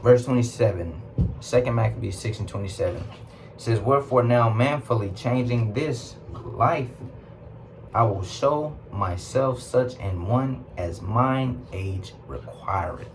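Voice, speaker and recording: A man with a Southern US accent teaching scripture, reading verses slowly and explaining them in casual speech with rhetorical questions. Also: medium pitch, a little hiss or hum. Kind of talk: scripture class preaching.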